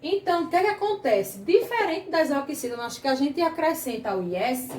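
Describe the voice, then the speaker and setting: Brazilian lady teacher, high voice, echoey room, talks to kids patiently, stretches words out. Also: lively intonation, a little fast, far from the mic. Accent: Brazilian Portuguese. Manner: patient, asks the class questions, drags out words. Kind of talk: grammar lesson for children.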